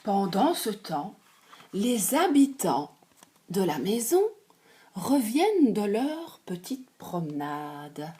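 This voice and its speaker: A woman telling a fairy tale to children, slow and expressive, sometimes dropping to a soft murmur. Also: mid-range voice. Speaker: storyteller.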